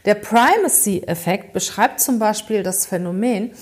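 A woman presents an educational podcast in a relaxed, conversational way. She speaks straight to the listener and keeps asking rhetorical questions as she explains her points. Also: mid-range voice, a little slow. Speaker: podcast host.

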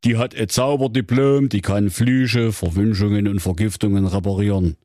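A man voicing a bored fairy-tale hotline clerk who talks in a flat, bureaucratic drawl. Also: on the low side, normal speed, no echo, studio quality, natural voice.

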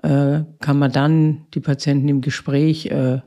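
A woman's voice: low-pitched, level tone, a little slow, mellow. A woman, a head nurse answering interview questions in a matter-of-fact way with frequent hesitations. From Austria. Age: 50s. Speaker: head nurse of a psychiatric crisis ward.

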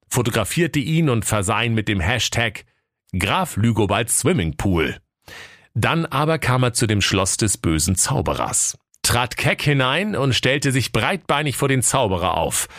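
A man narrating a comic fairy tale in a deadpan storytelling manner. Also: on the low side, no room sound, clean studio sound.

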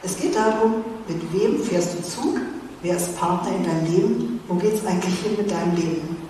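A woman's voice: lowish voice, moderate pace, warm tone, a little hiss or hum. Woman preaching in an echoey church. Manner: chatty, laughing often, addresses the youngsters directly. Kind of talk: youth sermon. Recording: echoey church hall from far off.

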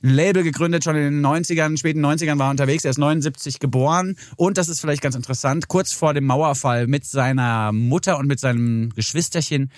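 A man in his forties co-hosting a casual music podcast, talking about songs at length with lively enthusiasm. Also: on the high side, fast, few pauses, dry recording, studio quality. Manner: animated, enthusiastic, explains at length. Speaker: podcast co-host. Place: studio in a cellar.

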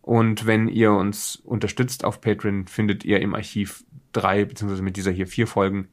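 In a casual, unscripted podcast intro, the male host rambles through off-the-cuff explanations with a self-deprecating streak. His voice is on the low side, his tone level, his speed normal.

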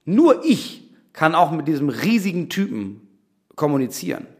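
A man's voice: on the high side, big pitch swings, normal speed, darkish tone. A man co-hosting a podcast, chatting casually and acting out little joke scenes. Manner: spins joke scenarios, acts out little scenes. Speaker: podcast co-host. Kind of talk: casual comedic chat.

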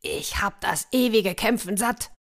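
A bright, raised voice for a cheeky storybook dragon, as a woman reads it out. It sounds cheerful and challenging, and it speaks up loudly. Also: mid-range voice, animated, a little slow, vocal fry, voice pushed up. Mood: playful. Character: playful boastful dragon tired of fighting. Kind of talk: children's story reading.

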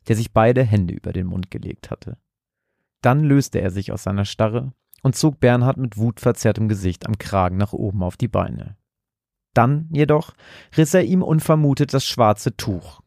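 A man reading a scripted horror story in a measured, dramatic way. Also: on the low side, vocal fry, mellow, no echo, studio quality.

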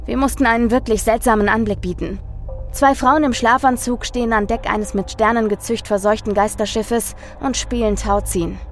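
A woman hosting a podcast, reading a listener's horror story in a measured, dramatic narration. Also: on the high side, fairly even intonation, soft background music. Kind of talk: scripted narration.

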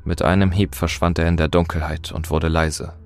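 A man narrating a scripted horror story in a steady, dramatic reading. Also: a bass voice, moderate pace, faint music behind.

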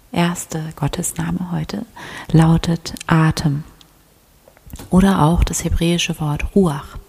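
A woman leading a guided prayer meditation, speaking softly and often in a half-whisper with calm instructions. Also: on the low side, gravelly, breathy edge. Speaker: prayer leader.

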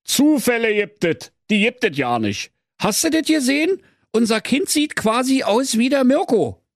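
A man plays a dim-witted Berlin husband in a comedic fairy tale, who blusters indignantly. His voice is pitched well above a normal speaking voice, and the sound is dry and close. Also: very animated, normal speed, no echo, heavily acted. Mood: dopey surprised.

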